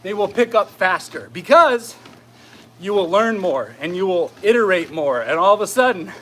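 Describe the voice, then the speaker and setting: High-pitched man talking while exercising on a treadmill. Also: lively intonation, normal speed, sharp tone, slight background noise. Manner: conversational, often tags phrases with "right?". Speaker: fitness coach giving a live talk. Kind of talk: casual motivational talk.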